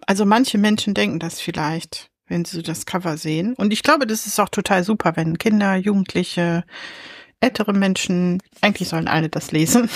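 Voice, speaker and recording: A woman chats eagerly about comics and laughs often. Her voice sits at an ordinary middle pitch. The sound is dry and close, with no room around it. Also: dry recording. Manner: chatty, enthusiastic, laughs often, thinks aloud. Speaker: podcast co-host reviewing comics. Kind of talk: casual chat.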